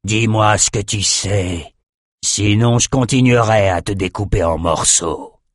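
A man's voice: lowish voice, unhurried, dry recording, studio quality. A man voicing a brutal barbarian king who barks orders and threats. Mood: menacing. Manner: commanding, menacing.

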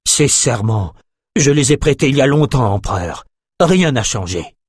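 For an audiobook, a man voices a loyal, weary general who answers his master in an earnest, subdued way, pitching the character above his own natural voice. The medium-pitched delivery swings widely in pitch at normal speed, sounding husky, in studio quality with no echo.

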